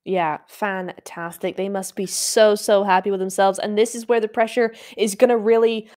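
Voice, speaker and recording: A woman commentating a live esports broadcast in an everyday middle-pitched voice. She talks in a chatty, excitable way, jumping between exclamations and stat read-outs. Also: moderate pace. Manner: animated, exclaiming, chatty co-caster. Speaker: esports caster.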